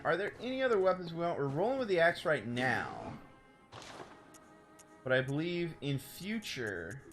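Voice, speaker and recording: A young man chatting casually through a game stream, rambling and excitable, exclaiming at the game as he plays at home. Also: fairly high pitch. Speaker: let's play streamer. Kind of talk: casual gameplay commentary. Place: home room.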